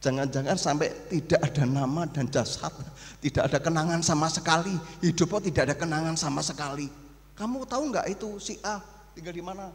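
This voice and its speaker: Animated pastor in an echoey hall. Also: male voice, fairly high pitch, fairly quick. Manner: animated preaching, acts out mourners and gossip. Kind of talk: sermon. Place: church hall. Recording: echoey church hall with long reverb.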